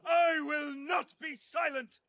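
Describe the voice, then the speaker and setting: A wild, grief-stricken refugee crying doom in a fantasy game. He yells in a high, piercing register and drags out his words. The sound is dull and muffled, like game audio. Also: flat delivery, slow, creaky, no echo, full character voice. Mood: ranting. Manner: shouting, ranting, wild. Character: frantic grieving male refugee preaching doom. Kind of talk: video game voice acting.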